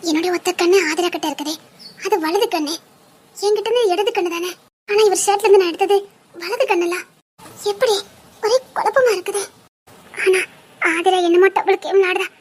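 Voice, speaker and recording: Woman voicing a tearful young woman on the run, very high voice. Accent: Tirunelveli Tamil. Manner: anxious, pleading, often near tears. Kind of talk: audio drama acting.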